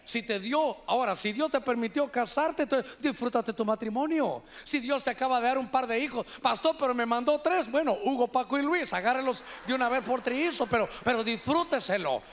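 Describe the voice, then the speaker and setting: A man's voice: very high voice, expressive, brisk, hardly any pauses, a bit bright. A man preaching a sermon as an apostle, folksy and chatty, acting out little voices and calling listeners "brother". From Honduras. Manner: folksy, acts out voices, keeps saying "brother".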